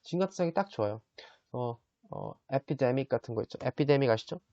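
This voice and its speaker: A man's voice: mid-range voice, animated, mellow, dry recording. Chatty male English tutor, dull dry sound. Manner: chatty, checks in with listeners often, models pronunciation slowly. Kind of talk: casual vocabulary lesson.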